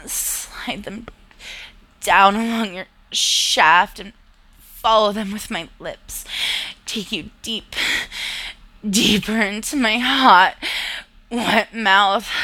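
Woman narrator for an intimate audio story: heavy vocal fry, bright tone, soft and half-whispered. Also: mid-range voice. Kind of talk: intimate second-person romantic audio story.

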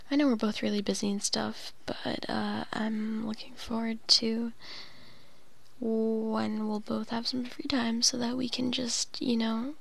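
A woman's voice: a little high, creaky, no room sound. Woman whispering a late-night voicemail. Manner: soft whispering, rambling with many fillers. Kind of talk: casual, intimate phone message.

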